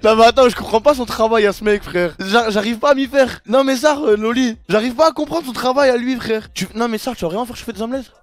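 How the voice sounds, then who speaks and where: A young man with a high voice rattles along at a quick clip, slangy and rambling as he chats with his viewers. The sound is dry and close, with no room around it. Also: no room sound. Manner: slangy, rambling, keeps saying frère and wesh. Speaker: streamer. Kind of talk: casual live-stream chat.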